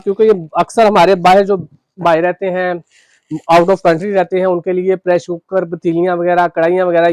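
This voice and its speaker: A man's voice: sits high, no echo. A man, a shopkeeper chatting casually through a cookware demonstration, adding "ji" to his phrases. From Pakistan. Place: shop.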